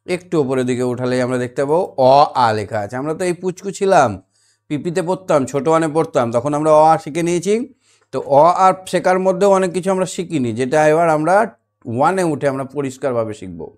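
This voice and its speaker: Male primary teacher, West Bengal accent, slightly high, sing-song and coaxing with young children. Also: a little mellow. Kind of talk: children's reading lesson.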